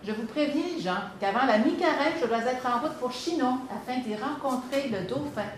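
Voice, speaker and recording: A woman, voicing a determined young peasant girl in a calm, firm storybook reading. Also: high voice, normal speed, roomy sound, a little hiss or hum. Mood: resolute.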